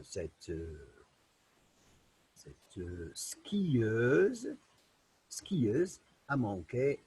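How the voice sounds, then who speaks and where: A man teaching children a phonics lesson, reading words slowly and patiently with many fillers and repeats. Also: medium pitch, a little mellow, slightly rough, poor audio.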